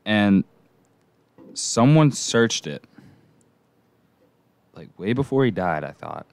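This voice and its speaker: A man's voice: on the low side, sing-song, takes it slowly, vocal fry, dry recording. A young man hosting a casual podcast chat, rambling and unsure, with lots of fillers. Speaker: podcast host.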